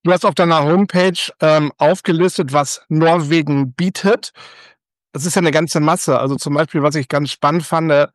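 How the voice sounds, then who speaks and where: A man hosting a podcast, with an upbeat, lively presenting manner. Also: fairly high pitch, dry recording, clean studio sound. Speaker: podcast host.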